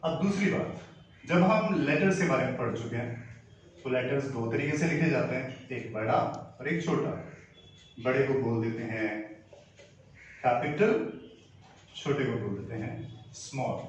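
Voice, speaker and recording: A man teaching English grammar in a lesson, explaining step by step and spelling out letters and words slowly. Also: mid-range voice, slight background noise. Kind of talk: classroom-style grammar lesson. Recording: very echoey room, voice from far off the mic.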